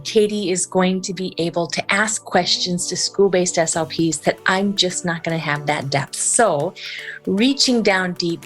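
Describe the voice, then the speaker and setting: A woman hosting a podcast, talking informally and directly to listeners, with a lateral lisp that makes her s sounds slushy, like sh. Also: fairly low pitch. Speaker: podcast host. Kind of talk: casual podcast outro addressed to listeners.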